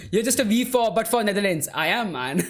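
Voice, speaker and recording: A man hosting a live football watchalong, calling the play and chatting casually with viewers, calling them "bro" and "man" and laughing easily. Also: high voice. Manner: laughs easily while answering chat. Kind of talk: live match commentary and chat replies.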